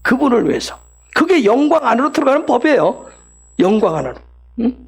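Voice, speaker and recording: A man delivering an animated sermon, his voice high-pitched and swinging widely. A gravelly, husky edge runs through his speech. He keeps asking his listeners questions and acts out short prayers and answers in character. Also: fairly quick. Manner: animated teaching with frequent rhetorical questions; acts out quoted prayers and replies in dialogue. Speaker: preacher.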